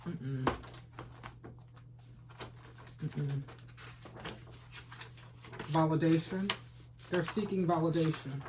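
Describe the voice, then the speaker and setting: A man's voice: fairly high pitch, takes it slowly, background noise. A man giving a rambling, casual tarot reading full of slang and repeated phrases. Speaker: tarot reader.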